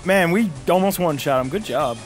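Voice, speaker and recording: A young man doing loud, joking gameplay commentary with friends, swearing often. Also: sits high, lively intonation, a little fast, soft background music. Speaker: let's play host.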